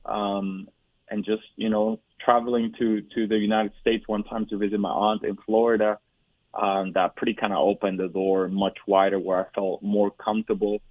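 This is a personal testimony interview where a forties-aged man from Puerto Rico, the guest, tells the story of his life. Dry and tinny as a telephone, the recording carries no room sound. His voice is low and flat, and he falters often, restarting sentences and filling gaps with fillers.

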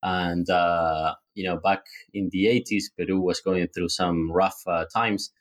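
Deep-voiced Argentine man telling stories. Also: a little slow. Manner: relaxed, many fillers and restarts. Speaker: guest entrepreneur. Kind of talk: casual interview storytelling.

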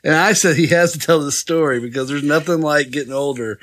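A man's voice: a little high, a little fast, a bit bright, no room sound. A man chatting on a podcast, laughing and joking. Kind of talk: casual podcast chat.

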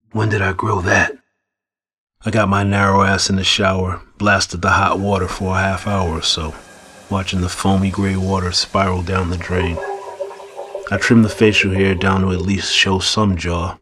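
Deep husky guy reading a story, brooding and flat. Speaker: audiobook narrator. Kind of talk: first-person fiction narration.

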